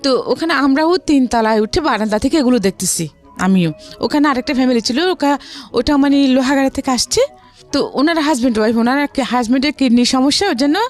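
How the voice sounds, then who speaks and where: As an interview guest, a woman with a Bangladeshi accent tells a personal story conversationally, speaking expressively and briskly. Her voice is high, with soft music playing behind her.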